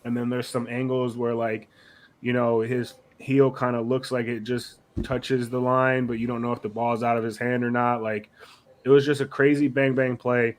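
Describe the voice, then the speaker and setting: A man with a hoarse, raspy voice co-hosting a casual sports podcast, blunt and slangy with some swearing. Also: medium pitch, flat delivery, normal speed. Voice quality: raspy, rough voice. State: hoarse, sick.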